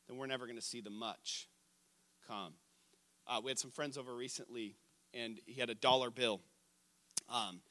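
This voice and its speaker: A man preaching a sermon, animated and asking the congregation questions as he tells a family story. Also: medium pitch. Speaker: pastor.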